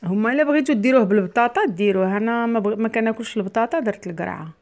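Speaking rapid-fire in a fairly high, slightly mellow voice, a middle-aged woman with a Moroccan Arabic accent talks viewers through each step of her cooking. She hosts this casual cooking vlog from her home kitchen. She is mostly off frame, with the camera placed near the worktop.

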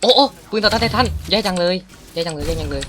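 A man's voice: high voice, quick pace, background noise. A man giving casual, joking gameplay commentary to his viewers, swearing now and then. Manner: playful, joking, swears a lot, talks to viewers. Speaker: gaming streamer.

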